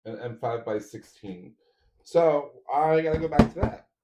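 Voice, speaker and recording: A man's voice: on the high side, measured pace, mellow, muffled recording, slight background noise. A man streaming a 3D printer build, chatting casually with viewers while he assembles parts. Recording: roomy echo.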